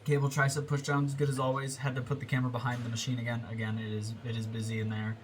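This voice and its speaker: A young American man talks through a casual voiceover with a clogged, stuffy nose. He rambles and restarts his sentences, keeping to an everyday middle pitch. A faint hiss sits under the recording. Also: completely flat delivery, quick pace. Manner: rambling, with self-corrections and filler words. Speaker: fitness vlogger. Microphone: close voiceover mic.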